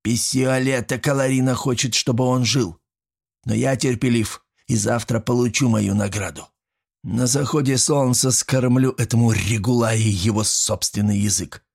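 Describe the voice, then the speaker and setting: A man reading an audiobook, voicing a vindictive, lecherous jailer who talks slowly and menacingly. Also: mid-range voice, steady tone, vocal fry, darkish tone, husky, voice pushed up. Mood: gloating. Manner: slow, gloating, menacing.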